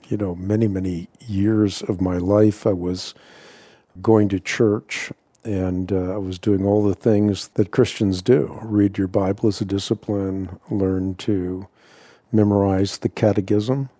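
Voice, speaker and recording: Older man from the Netherlands, low mellow voice, reflective guest storyteller, dry close mic. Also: husky, no echo. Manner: measured, reflective, some repeated starts. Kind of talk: relaxed interview storytelling.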